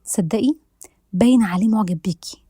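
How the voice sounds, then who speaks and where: A woman's voice: medium pitch, fairly quick, warm tone, slightly rough, no room sound, studio quality, natural voice. A woman voicing a cheerful, cheeky young neighbor who gossips and teases, with an Egyptian accent. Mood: nosy. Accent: Egyptian Arabic. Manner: bubbly, gossipy.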